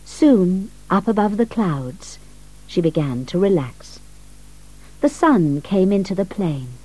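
A woman narrating a story in a calm, measured reading. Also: lowish voice, low-quality recording.

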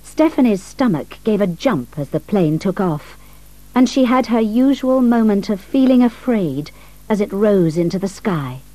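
A woman narrating a story in a calm, measured reading. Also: mid-range voice, poor audio.

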